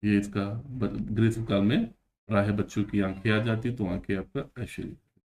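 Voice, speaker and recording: A man's voice: fairly low pitch, a little mellow. Male teacher, exam-prep spelling lesson, patient and repetitive, drags words out syllable by syllable. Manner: explains patiently, repeats words slowly.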